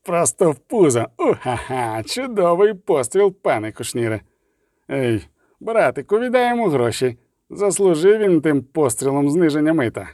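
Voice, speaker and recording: A man voicing a loud, rough boatman who bellows heartily. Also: a little high, very animated, normal speed, dry recording, clean studio sound. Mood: hearty.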